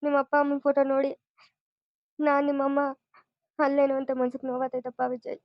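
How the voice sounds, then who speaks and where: A woman's voice: fairly high pitch, little pitch movement, quick pace, dry recording, lo-fi sound, close to an everyday voice. Woman voicing a tearful, lamenting mother. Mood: sorrowful. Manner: sorrowful, lamenting. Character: tearful middle-aged mother, anxious about family.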